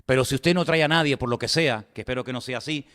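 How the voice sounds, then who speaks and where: A male pastor delivering an animated, conversational sermon to his congregation, full of rhetorical asides. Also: mid-range voice, quick pace, in a large hall. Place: church.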